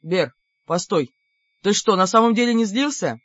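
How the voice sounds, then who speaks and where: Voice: mid-range voice, animated, moderate pace, a bit bright, no echo, muffled recording. A narrator doing a wry, stern older brother. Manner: dry, mocking and stern. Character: young man, calm wry older brother.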